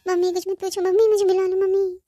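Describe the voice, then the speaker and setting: A woman's voice: very high voice, steady tone, a little fast, a little mellow, dry recording, faint music behind. A woman voicing a spoiled young cartoon bride who whines and pleads, repeating "mummy" over and over. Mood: tearful pleading. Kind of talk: cartoon voice acting.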